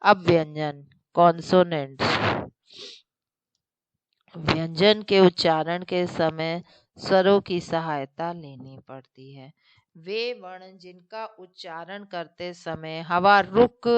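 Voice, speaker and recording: A woman teacher giving a recorded online lesson, explaining slowly step by step with examples and checking in with her students. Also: fairly low pitch, clear, resonant tone, no room sound, highs cut off. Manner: addresses students directly, checks with "theek hai".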